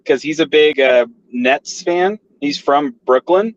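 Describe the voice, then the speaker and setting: Halting man on a dull phone line. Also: a little high, no echo. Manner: halting, hesitant. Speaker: podcast co-host calling in. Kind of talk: casual sports chat. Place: in a car. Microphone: phone call.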